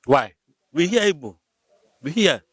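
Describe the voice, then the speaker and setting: Interviewed about his community in Rivers State, Nigeria, a local man answers conversationally, hesitating and repeating words as he patiently explains. He has a fairly high, slightly bright, husky voice with big pitch swings and a measured pace.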